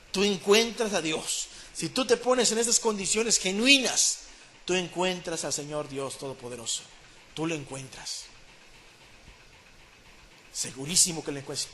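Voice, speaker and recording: A man with a Mexican Spanish accent preaching a sermon, swinging between hushed pleading and loud, fervent repetition. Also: sits high.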